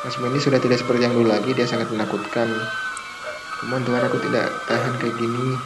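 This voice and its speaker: Brief: man voicing an anxious, pleading wife, soft-spoken. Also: mid-range voice, level tone, quick pace, music in the background, lightly acted, poor audio. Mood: despairing. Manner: pleading, worried. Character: frightened, pleading young wife.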